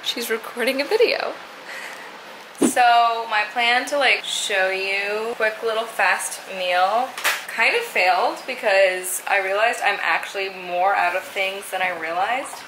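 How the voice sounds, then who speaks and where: In a casual cooking vlog shot at arm's length on a handheld camera, a woman in her twenties talks playfully from the kitchen of her small apartment, with its living room nearby. Her pitch is medium and her pacing measured, while the sound is roomy with noise in the background.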